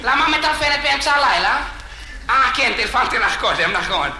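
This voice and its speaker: A comedian playing a boastful womanizer who brags on the phone and breaks into frantic shouting. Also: very high voice, animated, vocal fry, reverberant, heavily acted, rough recording. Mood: smug. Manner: rapid bragging chatter breaking into frantic shouts. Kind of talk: comic sketch.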